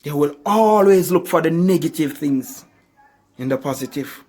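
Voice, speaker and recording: A man's voice: a little high, expressive, normal speed, darkish tone, slightly rough. Emphatic motivational speaker, a man. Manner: emphatic, repetitive rhetorical questions. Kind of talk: motivational speech.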